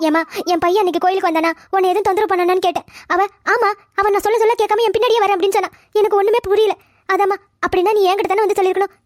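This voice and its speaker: Super high fast cartoon mom, a woman doing the voice, whiny and defensive, dead dry sound. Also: steady tone, dry recording. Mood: pleading. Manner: rapid, shrill, pleading and quarrelsome. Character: scolding middle-aged mother, defensive and tearful. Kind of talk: cartoon family drama voice acting.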